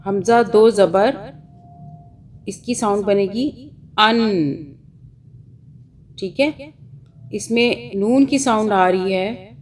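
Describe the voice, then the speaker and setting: Slow patient Pakistani woman teacher. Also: mid-range voice, darkish tone. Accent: Pakistani Urdu. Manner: slow, patient, repeats sounds. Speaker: Quran reading teacher. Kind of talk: online teaching lesson.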